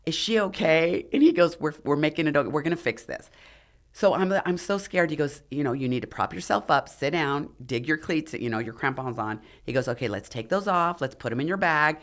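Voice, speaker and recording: Animated woman telling a climbing story. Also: sits low, fast, few pauses. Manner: animated, acts out the dialogue of others. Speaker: podcast guest, former figure competitor and mountaineer. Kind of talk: storytelling in a casual interview.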